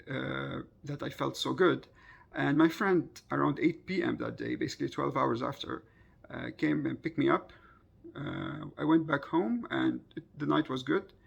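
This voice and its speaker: Man, around 30, low-pitched and very creaky, telling a personal story informally, haltingly. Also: a bit bright. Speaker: vlogger recounting a personal experience.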